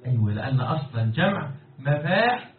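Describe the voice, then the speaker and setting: Egyptian sheikh quizzing a class, echoey. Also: male voice, on the high side, very animated, fast talker. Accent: Egyptian Arabic. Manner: keeps quizzing students and pressing them for answers. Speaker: sheikh teaching Quran commentary and Arabic morphology. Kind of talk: classroom lecture with questions to students. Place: lecture hall with students. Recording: echoey, distant, phone-like, crowd noise.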